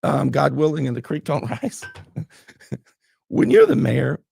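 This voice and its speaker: A man's voice: medium pitch, wildly swooping pitch, measured pace, gravelly, darkish tone, husky, dry recording. A man hosting a talk show, getting fired up and blunt as he questions his guest. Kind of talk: heated political interview.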